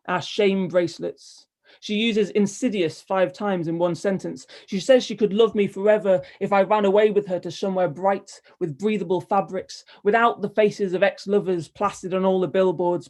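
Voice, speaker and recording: Woman poet reading with wry, measured delivery. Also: mid-range voice, a little mellow. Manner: measured, wry delivery with hesitant, filler-heavy asides. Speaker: poet reading her work. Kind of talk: poetry reading with spoken asides.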